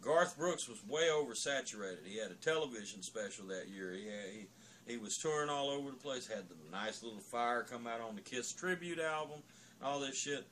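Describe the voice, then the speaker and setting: A man's voice: medium pitch, lively intonation, moderate pace, fairly bright tone, a little hiss or hum. A man giving a drunken, opinionated, profane rant in a rambling storytelling way.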